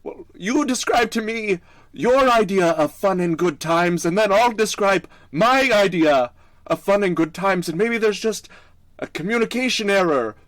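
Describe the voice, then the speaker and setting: A man voicing a bumbling, cheerful young half-elf adventurer with a high, goofy, drawn-out delivery. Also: expressive, fairly bright tone, no room sound. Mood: eager.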